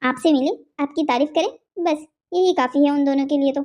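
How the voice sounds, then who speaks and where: A carefree young daughter-in-law in a cartoon, stubborn and quick to talk back, voiced by a woman. Her voice is high and dark-toned. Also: lightly acted. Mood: defiant. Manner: defiant, careless.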